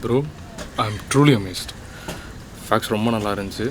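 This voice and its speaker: A man's voice: fairly low pitch, slow, background noise. A man playing a curious young friend who asks questions, mixing English and Tamil.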